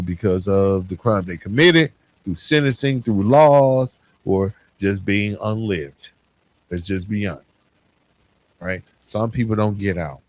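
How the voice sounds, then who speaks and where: A man hosts a solo podcast in a lowish, slightly mellow voice. His partly scripted monologue is earnest, reflective and motivational, and he often leans on short parallel phrases.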